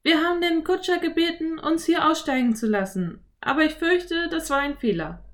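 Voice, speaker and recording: A woman voicing an eager, cheerful little girl in an audiobook, high and bright as she pleads and chatters. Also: normal speed, close to an everyday voice. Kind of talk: audiobook character voice.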